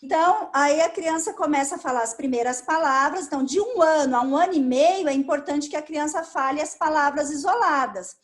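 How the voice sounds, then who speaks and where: A Brazilian woman with a Brazilian Portuguese accent, interviewed as a speech therapist, explains things patiently and step by step. Her voice is high, fairly quick, with few pauses.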